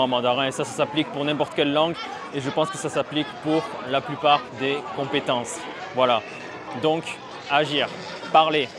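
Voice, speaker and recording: A man talking casually and bluntly to camera outdoors on a city street, teaching Mandarin learners, with some swearing. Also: a little high. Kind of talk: casual vlog talk to camera. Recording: street traffic noise behind.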